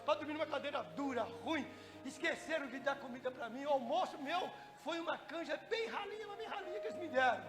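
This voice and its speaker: A male pastor with a Brazilian Portuguese accent giving an animated testimony sermon in a church, acting out the voices of the people in his story. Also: very high voice, big-room sound. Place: church hall.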